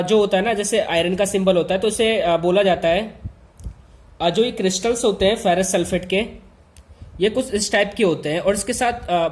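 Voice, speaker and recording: Guy teaching, fairly high voice, keeps repeating stuff and talking right at the kids. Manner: repetitive, emphatic, addresses students directly. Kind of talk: informal classroom lesson.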